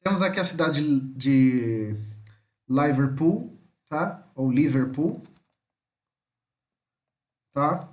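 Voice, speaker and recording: A man teaching an English spelling lesson, repeating English words slowly and tagging nearly every phrase with a questioning "tá?". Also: a little high, lively intonation. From Brazil. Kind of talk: recorded homeschool lesson.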